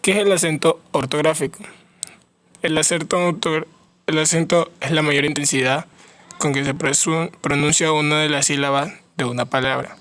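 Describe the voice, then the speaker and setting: A young male student reads his part of a class presentation aloud. His voice sits a little high, and he works through lists of example words at a careful, measured pace. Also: a bit bright. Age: young adult.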